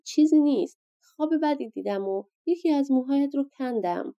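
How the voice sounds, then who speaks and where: A woman's voice: sits high, animated, muffled recording, pitched above the performer's own voice. A woman voicing an old grandmother of a giant, fussy and scolding, in a storybook reading. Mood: coaxing.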